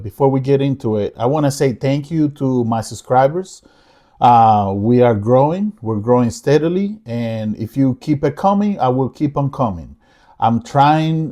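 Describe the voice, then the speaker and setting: A man's voice: mid-range voice, mellow. A man from the Republic, talking casually to his viewers as a channel host, earnest and repeating phrases for emphasis. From Dominican Republic. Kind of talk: casual talk to camera.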